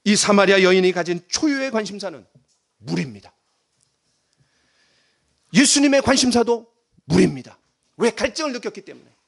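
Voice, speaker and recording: A middle-aged male pastor preaching a sermon, dramatic, swinging between loud emphasis and hushed near-whispers and leading the congregation in reading aloud. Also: high voice, animated, moderate pace, gravelly, pauses often.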